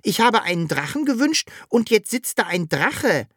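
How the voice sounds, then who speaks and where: A narrator voicing a cheeky, childlike creature in a storybook reading, in a high, eager voice. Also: sing-song, normal speed, fairly bright tone, slightly rough, no room sound, clean studio sound.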